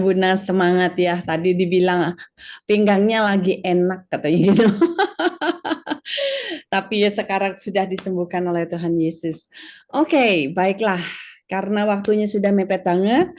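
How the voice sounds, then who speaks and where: A woman hosts an online prayer meeting and closes the session in a gentle, measured, encouraging manner. Her voice is mid-pitched and she speaks over a video call. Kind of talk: warm closing remarks and announcements.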